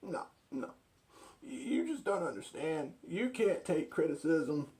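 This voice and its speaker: A man's voice: a little high, sing-song, unhurried, mellow. A man playing a touchy, stubborn would-be author who argues insistently, in a comic skit of arguing with himself. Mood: offended. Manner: argumentative, insistent, repetitive.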